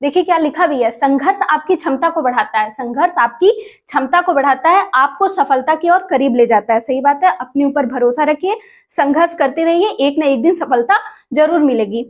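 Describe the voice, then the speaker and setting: A woman's voice: high voice, moderate pace. A woman teaching an exam prep lesson, asking questions and repeating each answer for viewers. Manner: addresses viewers as friends, asks and repeats answers.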